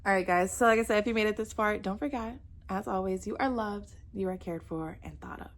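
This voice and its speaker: A woman in her 30s from South Florida talks a little fast in a mid-range voice, handing out sassy, chatty dating advice to camera. This millennial addresses her viewers as girl and babe.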